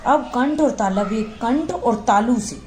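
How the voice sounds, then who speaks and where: A woman's voice: on the high side, expressive, darkish tone, slight background noise. Patient woman teaching phonetics. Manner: patient, repetitive, checks in with "ठीक है" often; models sounds slowly and aloud. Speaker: Hindi grammar teacher. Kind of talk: classroom lesson explanation.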